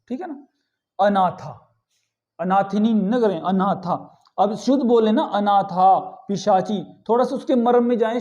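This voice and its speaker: A man teaching a grammar lesson, repeating each word slowly and asking the students questions before answering them himself. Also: high-pitched, a little mellow, lo-fi sound.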